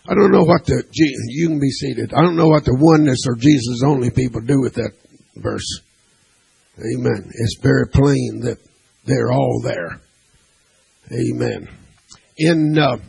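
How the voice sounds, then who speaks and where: In a church sanctuary, a pastor delivers a sermon to his congregation, speaking slowly and deliberately in a medium-pitched, slightly mellow, gravelly voice that grows husky. He peppers his points with "amen," poses call-and-response questions to listeners, and reads scripture in old-fashioned wording.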